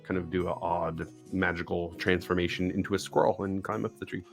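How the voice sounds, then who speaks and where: A man with a fairly low voice narrates a tabletop game. He feels his way haltingly through each description as game master, over background music. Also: level tone, gravelly. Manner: halting, searching for words.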